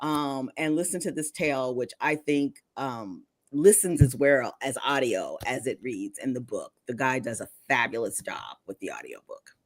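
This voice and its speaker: Low-voiced woman author, dry sound. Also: lively intonation, normal speed, hardly any pauses, dry recording. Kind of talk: podcast interview and book reading.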